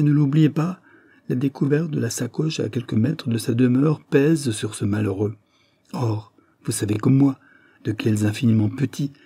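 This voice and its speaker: A tormented young man pours out his confession in an audiobook, as a male reader puts him on. The voice is mellow and husky, recorded dry and close, and it climbs to desperate, louder peaks. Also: medium pitch, no room sound. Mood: bitter. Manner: tormented, rising to desperate outbursts. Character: anguished guilt-ridden young man confessing. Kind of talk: audiobook reading.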